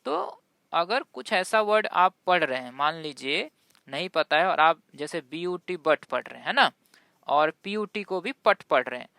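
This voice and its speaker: Slow, crisp-voiced male teacher. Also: fairly high pitch, big pitch swings, bright, forceful tone, no room sound, studio quality. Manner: spells words letter by letter, then says them; checks in with listeners often. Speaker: English pronunciation teacher. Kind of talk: explanatory lesson.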